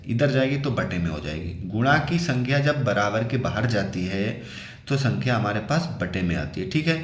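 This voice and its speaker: Man teaching maths in an echoey room. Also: fairly low pitch. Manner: explains patiently, asks and answers his own questions. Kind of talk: step-by-step maths lesson.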